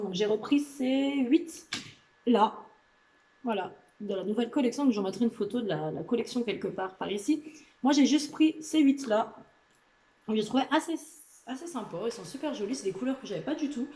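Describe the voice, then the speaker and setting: A woman's voice: medium pitch, dark tone, roomy sound, poor audio. A woman vlogging casually about a nail polish haul, chatty and gushing, with lots of filler words. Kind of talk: casual product haul video. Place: indoor room with a lamp.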